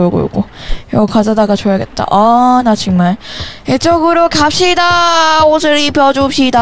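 A young woman casually commenting while she plays a game, chatty and given to loud startled exclamations and playful scolding. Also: mid-range voice, slight background noise. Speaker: game streamer.

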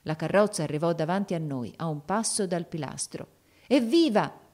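Expressive woman reading an audiobook. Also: low-pitched, a little fast. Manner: expressive reading, voicing the characters' shouts. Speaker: audiobook narrator. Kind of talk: scripted narration of a classic novel.

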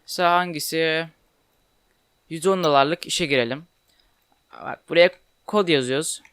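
A young man giving casual commentary while playing a game, chatty and quick to get frustrated and swear at it. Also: on the high side, a bit bright, clear, resonant tone, no room sound. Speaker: gaming YouTuber. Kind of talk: casual Let's Play commentary.

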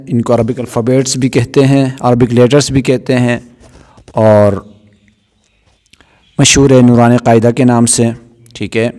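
A man teaching Quran reading, explaining Arabic letters step by step, mixing English words into his instruction and often checking in with "theek hai". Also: darkish tone. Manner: chants the letters in a high, drawn-out recitation voice. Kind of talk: Urdu lesson on Arabic letters.

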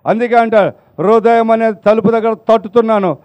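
Very high-voiced male preacher. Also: fairly even intonation, normal speed, highs cut off. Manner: rhetorical questions, swinging between loud emphasis and hushed asides; urges the congregation to applaud. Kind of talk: sermon.

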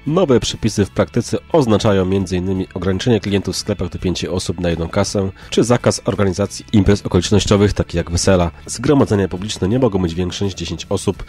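A man reading scripted local news in a measured, formal way. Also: low voice, a little mellow. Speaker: news narrator. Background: background music.

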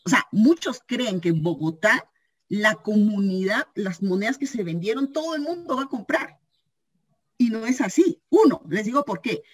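A woman giving an informal training talk on a video call, telling lively anecdotes and acting out the voices of the people in them. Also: mid-range voice, moderate pace, husky. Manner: animated storytelling, acting out quoted voices, frequent "¿sí?" check-ins. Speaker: cooperative store member giving a training talk.

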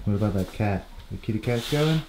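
A man's voice: lowish voice, animated, brisk, a little mellow, a little hiss or hum. A man in his thirties chatting casually on a vlog, picked up by a handheld camera. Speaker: vlogger. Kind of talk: casual chat. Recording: music behind the voice.

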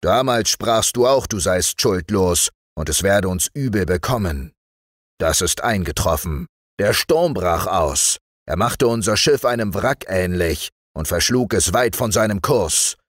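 A man's voice: deep voice, lively intonation, unhurried, no echo, studio quality. A man voicing a harsh, sneering ship captain in a told story. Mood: stern. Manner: stern, sneering. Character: stern harsh ship captain, grown man, cruel and mocking.

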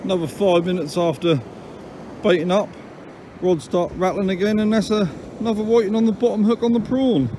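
Chatty angler on a windy beach. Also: male voice, high-pitched, fairly even intonation, a little fast, mellow. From England. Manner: chatty, down-to-earth, matter-of-fact with dry grumbles. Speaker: angler filming his own fishing trip. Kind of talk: casual running commentary to camera. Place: open beach by the sea, outdoors. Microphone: phone camera held by the speaker. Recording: outdoor phone recording with wave noise. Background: surf and wind.

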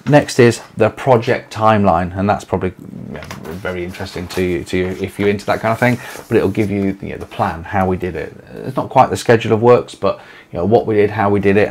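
A man in his forties with an East Midlands English accent talks casually to camera in a small home office. His voice sits on the low side, and he rambles with plenty of fillers and false starts. The sound is close, from a desk-distance camera. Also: a little mellow, slight background noise. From England. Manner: rambling, filler-heavy, restarts often. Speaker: letting agency owner.

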